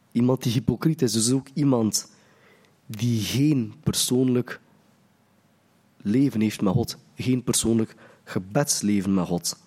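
A man delivers a sermon, earnest and searching, circling back to restart his phrases as he thinks aloud. His voice is mellow and warm, sitting at an ordinary pitch for a man. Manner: earnest, restarts phrases, acts out quoted prayers. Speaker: preacher.

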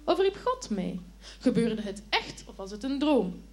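A woman voicing the young boy Samuel in a children's Bible story, with a high, eager voice and quick, earnest replies. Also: very animated.

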